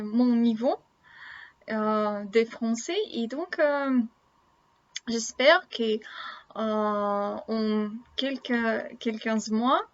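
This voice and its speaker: A woman in her thirties from Russia, a native Russian speaker with a Russian accent, talks casually to camera in learner French, haltingly searching for words. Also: a little high. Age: 30s. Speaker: language-learning vlogger. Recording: dull lo-fi sound.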